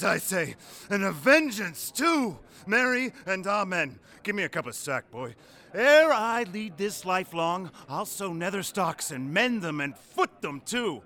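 A man's voice: high-pitched, bright, forceful tone, exaggerated voice. An actor playing a fat, boastful old drunken knight in Shakespearean style, declaiming his grievances in blustering outbursts. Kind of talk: Shakespearean stage acting.

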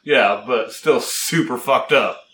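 A man's voice: mid-range voice, slow pace, bright, forceful tone, echoey room, distant mic. A laid-back man in casual podcast chat, chuckling as he talks.

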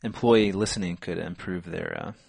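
A man co-hosting a sports podcast in casual chat, relaxed and full of fillers. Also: low-pitched, moderate pace, gravelly, breathy edge, dry recording, studio quality. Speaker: podcast co-host.

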